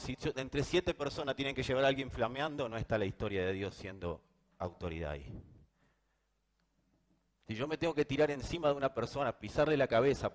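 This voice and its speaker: A middle-aged man with a Rioplatense Spanish accent preaching a sermon, dropping to hushed intensity and then rising to loud emphasis. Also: medium pitch. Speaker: pastor.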